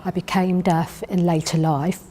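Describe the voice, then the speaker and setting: A woman's voice: fairly low pitch, little pitch movement, unhurried, mellow, long reverb tail. A woman being interviewed, explaining things in a matter-of-fact way.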